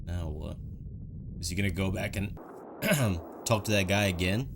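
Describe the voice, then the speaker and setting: A man with a deep voice, speaking a little slowly, hosts a video reaction and analysis show, giving casual, conversational commentary on game footage with dry, joking asides. Background music plays, along with some background noise.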